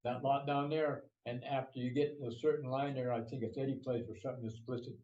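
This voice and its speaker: A man's voice: mid-range voice, fairly even intonation, fast, a little mellow, echoey room, lo-fi sound. An elderly man in his eighties, a property owner giving rambling, folksy testimony with restarts. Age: 80s. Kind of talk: casual testimony.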